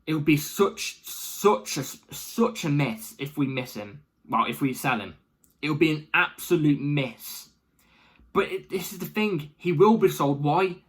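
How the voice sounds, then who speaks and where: A man giving casual, animated opinion commentary as the host of a football fan channel, rambling and repeating himself for emphasis. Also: on the high side, a little slow, slightly rough.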